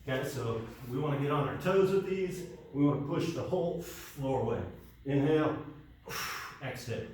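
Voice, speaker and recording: A man's voice: on the high side, lively intonation, brisk, darkish tone. A man coaching a workout, cueing each move step by step and getting out of breath. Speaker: fitness coach. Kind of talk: workout instruction. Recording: echoey room, mic far off.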